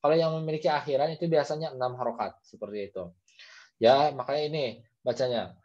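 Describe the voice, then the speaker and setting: A man's voice: mid-range voice, fast talker, darkish tone. A man, teaching Quran recitation in an online class, patiently explaining and modeling the readings aloud. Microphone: video call. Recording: dull lo-fi video call audio.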